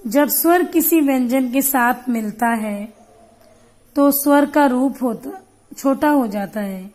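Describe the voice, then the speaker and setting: A woman teacher giving a slow grammar lesson, naming letters one by one in a careful, deliberate way. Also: high-pitched, a little mellow, poor audio.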